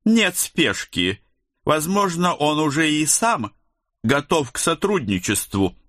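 A man's voice: fairly high pitch, very animated, slow, fairly bright tone, pitched above the performer's own voice, exaggerated voice. A man voicing a stern, grey-haired older woman official who speaks coldly and with a hiss. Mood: cold, insistent. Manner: cold, hissing, threatening.

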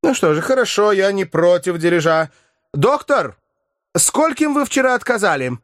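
A man's voice: sits high, sing-song, moderate pace, no echo, studio quality, pitched above the performer's own voice. Man doing a furious pompous old professor. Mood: ironic. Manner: lecturing, shouting tirades.

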